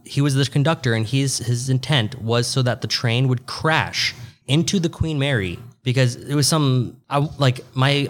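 A man co-hosting a casual chat, telling stories in an animated way with lots of fillers and mimicry. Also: mid-range voice. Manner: animated storyteller, mimics others, frequent laughs and fillers. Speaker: podcast co-host.

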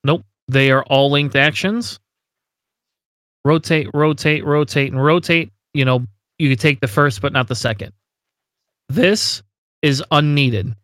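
A man's voice: fairly high pitch, unhurried, pauses often, a bit bright, dry recording, clean studio sound. A man co-hosting a casual tabletop game podcast, talking emphatically with frequent incredulous laughs. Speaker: podcast co-host.

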